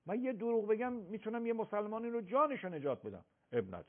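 A man's voice: sits high, very animated. A man acting as a religious scholar on a live call-in show, explaining rulings methodically with emphatic examples. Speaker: religious scholar answering questions. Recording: tinny phone-like broadcast sound.

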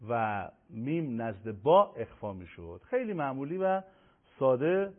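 A man teaching a Quran recitation lesson on tajweed rules, explaining in a measured way and slowing down to recite and spell out each example. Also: medium pitch, very animated. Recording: tinny phone-like audio.

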